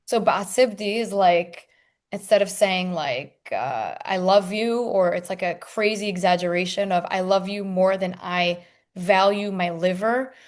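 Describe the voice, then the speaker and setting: A woman's voice: medium pitch, a little slow. A young adult woman speaking as an interview guest in an informal, candid, casual chat style.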